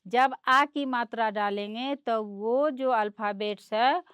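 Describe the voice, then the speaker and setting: Woman, primary teacher from India; high, crystal-clear voice, very slow, patient, spells out sounds; close dry mic. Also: fairly bright tone, no room sound, highs cut off. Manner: spells words out sound by sound, asks and answers own questions. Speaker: primary school Hindi teacher. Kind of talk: slow, patient classroom lesson to children.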